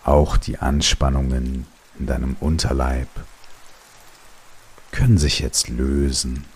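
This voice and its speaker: A man narrating a guided relaxation sleep story in a calm, soothing way, with long pauses between short phrases. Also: a bass voice. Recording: steady rain noise behind the voice. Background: rain.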